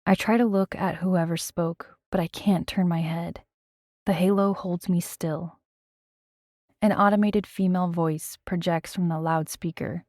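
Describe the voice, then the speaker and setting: A woman with a fairly low voice reads a first-person audiobook, and her telling is tense and dramatic. The recording is dry and close to the mic, with no room sound at all. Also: a little mellow, no echo. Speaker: audiobook narrator.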